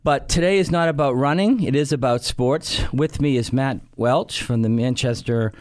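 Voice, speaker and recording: A middle-aged man who heads a company hosts a casual radio talk show, chatting and interviewing while rambling with plenty of fillers and restarts. His mid-range voice has a darkish tone at normal speed, recorded on a studio microphone with no echo.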